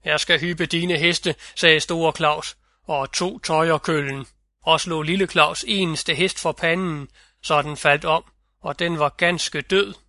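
A man narrating a fairy tale audiobook in a measured storytelling manner, close to the mic. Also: on the high side, fairly even intonation, sharp tone, no echo.

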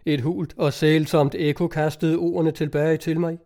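A man reading a story aloud as narrator, in calm, measured scripted narration. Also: on the high side. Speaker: audiobook narrator.

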